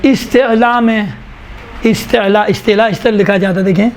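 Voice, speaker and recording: A male teacher dictating definitions to a class, slowly repeating each phrase so students can write it down. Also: sits high, fairly even intonation, slight background noise. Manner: slow, repeats each phrase for note-taking. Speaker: Quran recitation teacher.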